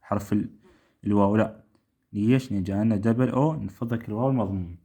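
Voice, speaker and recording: Deliberate Iraqi Arabic man teaching English. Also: lowish voice, steady tone, mellow, breathy edge. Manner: repeats words slowly, asks rhetorical checks. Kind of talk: classroom-style lesson.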